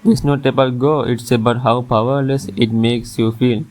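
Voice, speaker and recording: Man narrating a top ten countdown, even pitch. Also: moderate pace. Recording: music under the voice.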